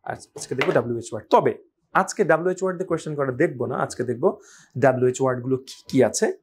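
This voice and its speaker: A man teaching English pronunciation, repeating each word slowly and asking listeners to say it aloud. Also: medium pitch, slight background noise. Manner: slow, repeats words for drill, asks viewers to say them aloud. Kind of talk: spoken language lesson.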